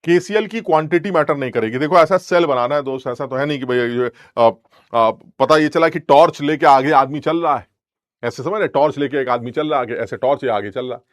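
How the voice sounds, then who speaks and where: A young man teaching chemistry in Hindi, in a lively classroom-style lecture full of jokes, anecdotes and mock scolding of students. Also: medium pitch, brisk, dry recording, studio quality. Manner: colloquial, joking, scolding asides to students.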